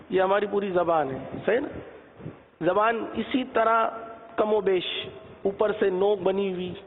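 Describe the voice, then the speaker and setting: A man with a strikingly high voice gives a patient religious lesson on pronouncing letters, stretching each sound out slowly. The audio is thin and phone-like, with a long reverb behind it and a faint hum underneath. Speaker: Quran recitation teacher.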